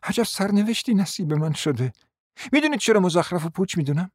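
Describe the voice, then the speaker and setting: A man's voice: high-pitched, dry recording, clean studio sound, close to an everyday voice. A man playing a proud, bitter young woman who is ill and speaks sharply and impatiently, in a radio drama.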